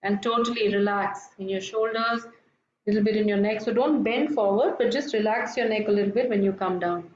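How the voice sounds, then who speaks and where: A woman instructing a yoga breathing class in a gentle, soothing, unhurried murmur, guiding people to relax. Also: medium pitch. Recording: echoey room, dull lo-fi, faint noise.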